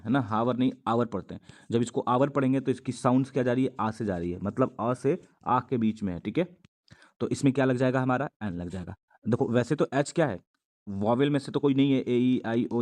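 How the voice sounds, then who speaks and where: A male teacher walks students through a grammar lesson. He talks patiently and keeps asking rhetorical questions, then answers them himself. His voice sits at an ordinary middle pitch. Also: a little mellow. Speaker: English teacher.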